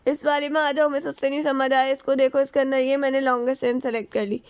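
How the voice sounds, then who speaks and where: A woman teaching a recorded chemistry lesson, patiently asking questions and answering them herself, repeating key terms slowly. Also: high voice, flat delivery. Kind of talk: recorded lesson explaining to students.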